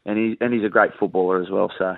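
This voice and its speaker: Low-voiced Australian man on a phone line. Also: fairly even intonation, fast talker, vocal fry, dry recording. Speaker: rugby league player being interviewed. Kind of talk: casual interview chat. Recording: tinny narrowband phone line.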